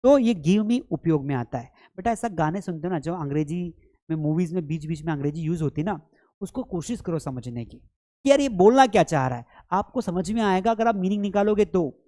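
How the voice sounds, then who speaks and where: A man's voice: high voice, lively intonation, fairly quick, warm tone. Teasing Indian man teaching English. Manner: chatty, teasing, addresses students as beta. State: strained voice from long talking. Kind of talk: live online lesson, playful lecturing.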